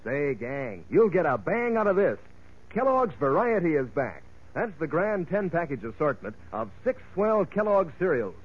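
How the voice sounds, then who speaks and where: A man with an American accent doing a folksy, eager 1940s radio announcer's sales pitch to children. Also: sing-song, moderate pace, husky. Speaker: commercial announcer. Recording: tinny, phone-like vintage radio recording.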